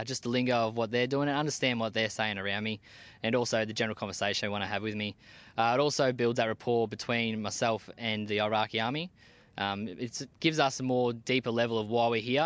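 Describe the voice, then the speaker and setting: This young Australian man leads a team in the army and is being interviewed outside on a military base. He speaks at a medium pitch in a relaxed, straightforward way, with casual slang.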